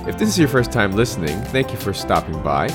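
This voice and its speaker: A man's voice: on the low side, sing-song, fairly quick, loud music behind the voice. A man hosting a business interview podcast, reading a polished intro and then asking questions with frequent restarts and fillers. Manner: hesitant, restarts words when ad-libbing. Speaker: podcast host.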